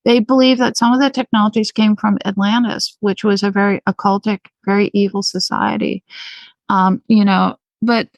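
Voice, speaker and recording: A woman guest answers questions in an earnest, halting way, often pausing with ums and starting over. Her voice sits in a middle pitch and sounds dry and close, with no room echo. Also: little pitch movement, vocal fry, lo-fi sound. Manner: earnest, many ums and restarts. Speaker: interview guest. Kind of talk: remote interview conversation.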